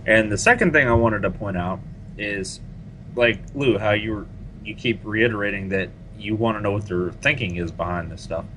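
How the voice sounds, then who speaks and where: A man hosting a casual gaming podcast, talking in an animated, complaining way and laughing easily. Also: on the low side, moderate pace, a little hiss or hum, low-quality recording. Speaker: podcast host.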